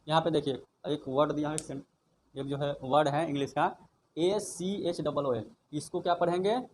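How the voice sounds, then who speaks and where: A man's voice: a little high, fairly even intonation, normal speed, a little mellow, low-quality recording. A man teaching an English grammar lesson. He spells words out letter by letter, then asks and answers his own questions. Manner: drills each word letter by letter, asks and answers himself. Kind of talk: slow classroom-style lesson, repeating questions. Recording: faint background noise.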